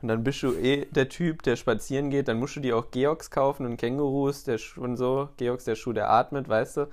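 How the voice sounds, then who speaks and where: A young man co-hosting a podcast in casual banter, teasing and joking with his friend. He talks at an everyday middle pitch. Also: steady tone, brisk, darkish tone. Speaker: podcast co-host. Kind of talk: casual chat.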